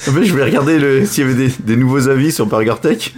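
A man co-hosting a casual tech podcast, teasing his partner with quick deadpan quips. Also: mid-range voice. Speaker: podcast co-host.

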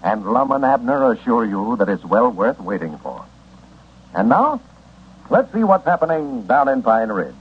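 A man working as a radio announcer, giving a folksy, upbeat sponsor pitch and scene-setting narration on an old-time radio show. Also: big pitch swings, moderate pace, husky. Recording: scratchy, muffled old-time radio broadcast.

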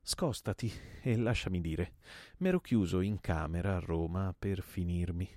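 A man's voice: sits low, animated, unhurried, mellow, no echo, studio quality. A man reading a play aloud and voicing a desperate, grim man bent on murder, with an intense, menacing delivery.

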